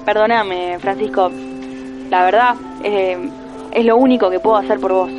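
An actress playing a guarded grown daughter who talks evasively and hesitantly, heard over a landline phone. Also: female voice, medium pitch, fairly even intonation, normal speed, music in the background. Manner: evasive, hesitant, full of fillers. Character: guarded adult daughter shielding her father. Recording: dull muffled phone line.

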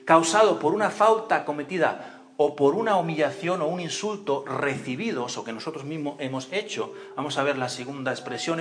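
Man preaching an animated sermon. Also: a little high. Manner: animated storytelling, acts out voices and cries, asks the congregation questions. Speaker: pastor. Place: church.

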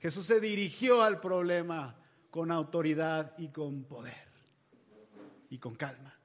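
Pastor, high voice, casual jokey sermon delivery. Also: male voice, measured pace. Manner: chatty, humorous storytelling.

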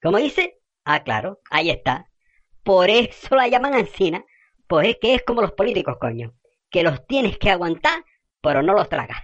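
A fiery, foul-mouthed gossip in a comedy sketch. Her voice sits a little low, but her pitch swings widely as she rants in rural slang. The sound is slightly dull and lo-fi. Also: sing-song, moderate pace. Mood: ranting.

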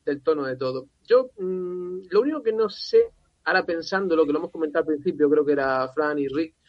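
Higher-voiced man on a slightly dull mic. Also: no echo. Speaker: film podcast panelist. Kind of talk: casual film discussion.

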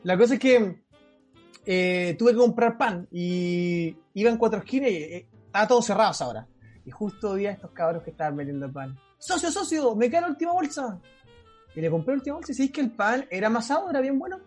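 A man's voice: sits high, expressive, quick pace, faint music behind. A Chilean man co-hosting a podcast, telling stories in a laughing, joking casual chat. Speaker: podcast co-host.

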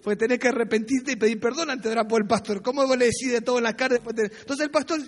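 A man's voice: very high voice, fairly even intonation, very fast. A man preaches a sermon, recounting his own past in an anecdotal, self-mocking way. He keeps checking in with his listeners through short tag questions. His voice trails off into the long reverb of a church hall. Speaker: pastor. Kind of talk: sermon with personal storytelling.

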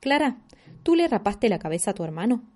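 A woman's voice: medium pitch, sing-song, a little fast, dark tone. A woman voicing a stern mother scolding her children in a storybook reading.

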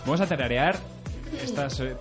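A man hosts a laid-back radio chat, joking and laughing as he explains the games. His voice is animated and bouncy. Loud music plays in the background. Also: fairly high pitch, moderate pace. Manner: playful, laughing, running party games. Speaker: radio show host. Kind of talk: casual group radio chat.

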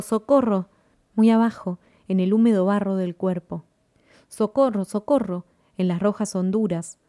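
A woman narrating a story in a measured, even reading. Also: medium pitch, no room sound, clean studio sound.

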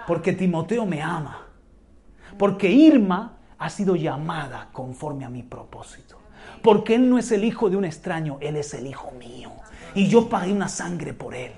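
A man's voice: on the high side, creaky, warm tone. A preacher voicing God as a protective father. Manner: solemn, first-person declarations.

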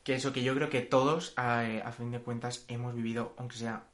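A man's voice: medium pitch, flat delivery, fairly quick. Young man, podcast guest, laid-back conversational delivery. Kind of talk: casual chat.

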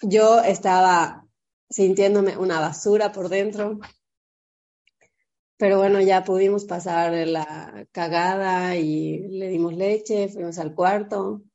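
Animated Mexican mom telling a story. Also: female voice, takes it slowly, muffled recording. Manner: animated, acts out quotes in a high voice, swears freely. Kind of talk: casual storytelling chat.

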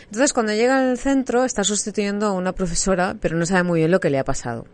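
A woman chatting casually as a podcast co-host, talkative and quick to laugh, with lots of fillers. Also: mid-range voice. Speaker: podcast co-host reviewing a series. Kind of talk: casual chat.

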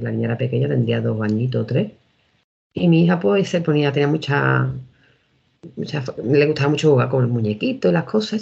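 A woman's voice: very deep voice, gravelly, a little mellow, breathy edge. A woman in her thirties from Seville with an Andalusian accent, telling her own experiences as an interview guest in a rambling way, often restarting. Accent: Andalusian Spanish. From Seville, Spain. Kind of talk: casual storytelling. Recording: dull lo-fi recording.

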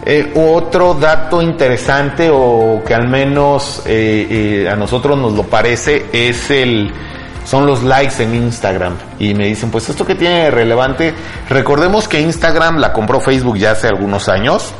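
A man's voice: mid-range voice, measured pace. A middle-aged man with a Mexican accent, talking as a host in a casual, colloquial tech news chat and often tagging on small questions for agreement. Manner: conversational, colloquial, seeks agreement with tags. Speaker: podcast host. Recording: background music.

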